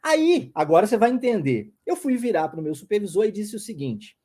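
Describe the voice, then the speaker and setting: A man teaches an English class with a lively, swooping pitch. His tone is mellow and soft-edged, and he slows down to stress English words. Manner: animated, acts out dialogue, stresses English words slowly. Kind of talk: live online English class with anecdote.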